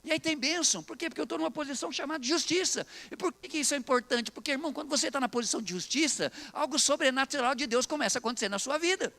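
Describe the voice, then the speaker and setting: A Brazilian pastor preaching in church with a strikingly high, bright voice. He talks fast and keeps up an animated, storytelling sermon, often acting out quotes. His delivery sounds forceful. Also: gravelly. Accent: Brazilian Portuguese. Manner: animated, preaching with acted quotes and jokes to the congregation.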